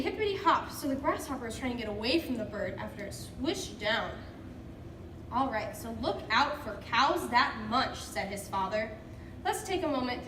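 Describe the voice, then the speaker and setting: In an echoey room picked up by a distant mic with background noise, a woman teacher reads a picture book aloud to children. Her voice is high-pitched and a bit bright, and she encourages them and asks prompting questions.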